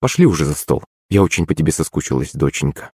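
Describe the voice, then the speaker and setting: A man voicing an imperious, sharp-tongued old grandmother in an audiobook, speaking with sarcasm. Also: very deep voice, big pitch swings, fast talker, breathy edge, no echo, studio quality, voice pushed down, full character voice. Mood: softening.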